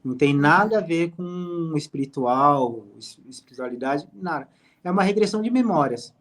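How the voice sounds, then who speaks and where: A man, a hypnotherapist guest calmly explaining his work in an interview. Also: on the high side, moderate pace. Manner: calm, explanatory storytelling. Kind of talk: interview conversation.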